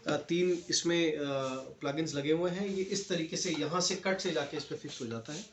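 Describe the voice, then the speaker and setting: A man with an Indian accent reviews a product step by step in a casual style, slipping in English phrases and calling his viewers friends. His voice is a little high at a moderate pace. The audio is dull and lo-fi, with faint noise and clicks.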